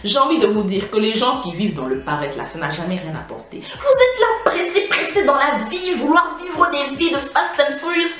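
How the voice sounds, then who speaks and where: A woman vlogger telling a casual storytime in a sassy, animated way, acting out the quotes. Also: sits high, a little fast, hardly any pauses, echoey room.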